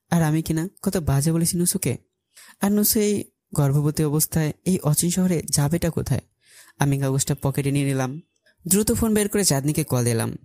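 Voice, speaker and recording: Man, story narrator, dark mellow voice, dry close sound, urgent telling. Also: fairly high pitch, dry recording. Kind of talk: first-person story narration.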